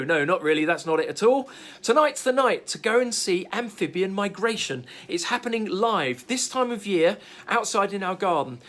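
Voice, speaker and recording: A man hosting a wildlife vlog, presenting live in a garden at night with eager, chatty enthusiasm that often sinks to a hushed near-whisper. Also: sits high. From United Kingdom. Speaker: wildlife vlogger host.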